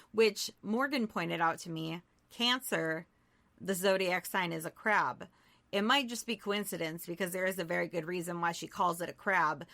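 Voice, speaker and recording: A woman co-hosts a podcast, casually recapping a movie with irreverent jokes, swearing, and self-deprecating humor. Her voice has a medium pitch and a sharp tone.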